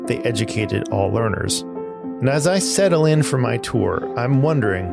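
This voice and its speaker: Gravelly male narrator over guitar music. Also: medium pitch, animated, moderate pace. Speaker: podcast host and narrator. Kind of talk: scripted narration.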